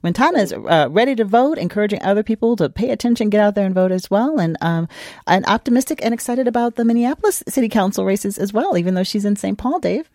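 A woman's voice: medium pitch, expressive, fast, dark tone, no echo, studio quality. Conversational woman radio host. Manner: conversational, searching, hesitant. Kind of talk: radio talk show.

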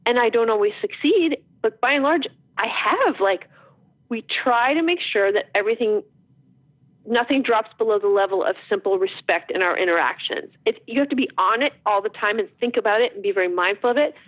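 A middle-aged woman from New Jersey, an author guest telling stories in a lively, animated way with quick restarts. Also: on the high side, no echo. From New Jersey, USA. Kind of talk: casual interview chat. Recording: tinny phone line, dry.

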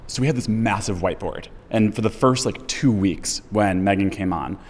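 Enthusiastic low-voiced man chatting. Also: normal speed, a little mellow, big-room sound. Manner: enthusiastic, rambling, lots of likes. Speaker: podcast host and guest. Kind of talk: casual interview chat.

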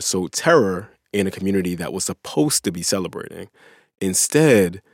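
A man's voice: deep voice, a little mellow, no room sound, clean studio sound. A man hosting a podcast in an informal, slangy, conversational way. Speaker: podcast host.

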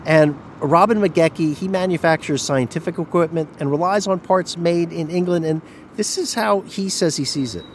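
A man's voice: fairly high pitch, normal speed, slight background noise. Male correspondent explaining in conversation. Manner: conversational, explanatory with small restarts. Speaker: radio correspondent. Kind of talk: reported news conversation.

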